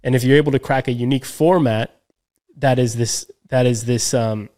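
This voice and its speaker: A man's voice: mid-range voice, fairly even intonation, moderate pace, warm tone. A man co-hosting a podcast in casual chat, talking loosely with slang and frequent restarts. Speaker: podcast co-host.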